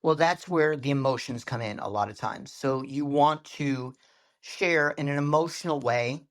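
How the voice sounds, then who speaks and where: A man's voice: mid-range voice, normal speed. A man being interviewed as a social media coach, telling stories with shifting speed and tone on what sounds like a video call. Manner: animated storyteller, varies speed and tone for effect. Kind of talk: podcast interview.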